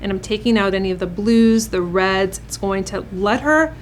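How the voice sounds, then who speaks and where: Speaking at a moderate pace in a medium-pitched voice, a woman makeup artist hosts a beauty vlog and gives her viewers upbeat encouragement. The audio carries a slight hiss or hum.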